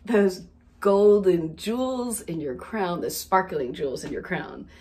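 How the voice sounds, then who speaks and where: A woman's voice: lowish voice, very animated, unhurried, dark tone, a little hiss or hum. A woman telling funny personal stories in a casual monologue, laughing often as she talks. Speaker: wellness storyteller.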